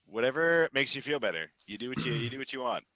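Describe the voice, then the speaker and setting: Man as DM for a streamed tabletop game: crisp bright voice, dry close sound. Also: medium pitch, expressive, quick pace, no room sound. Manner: dry, wry rulings, often breaking into laughter. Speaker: dungeon master.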